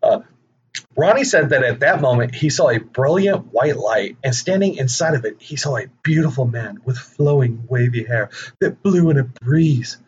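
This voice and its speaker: A man's voice: mid-range voice, lively intonation, normal speed. A young adult man hosting a podcast, telling a story casually with profane, jokey asides, on a dull lo-fi recording. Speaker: podcast host. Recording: dull lo-fi recording with faint noise.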